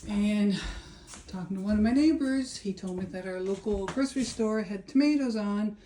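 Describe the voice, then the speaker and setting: A middle-aged woman talks in a casual video-diary style with clear ambient noise around her. Their pitch is medium, and their manner is plain-spoken and folksy, explaining things step by step. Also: normal speed, mellow. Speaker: home vlogger. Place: outdoors in a garden, later indoors at home.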